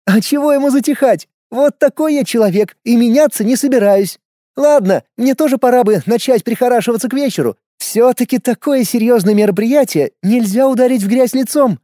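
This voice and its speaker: A man voicing a sharp-tongued, self-assured older woman who talks down to a younger man in a knowing, lecturing way. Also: very high voice, a little fast, no echo, clean studio sound, voice pushed up. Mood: lecturing, breezy.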